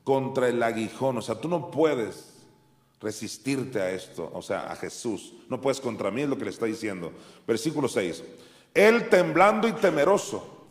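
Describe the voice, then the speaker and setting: A man with a Mexican Spanish accent preaching a sermon, animatedly acting out Bible voices with sharp rises and drops. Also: fairly low pitch, lively intonation, normal speed. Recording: echoey hall with faint music.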